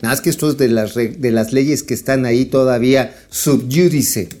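A man's voice: mid-range voice, steady tone, normal speed, a little mellow, soft background music. A man with a Mexican accent giving casual, profane financial commentary as co-host, joking and swearing freely. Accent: Mexican Spanish. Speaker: co-host of a financial talk show.

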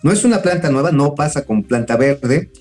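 A man's voice: on the high side, expressive, moderate pace, darkish tone, faint music behind. A man with a Mexican accent co-hosting a political talk show, blunt and swearing freely. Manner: blunt, profane, mocking. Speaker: co-host.

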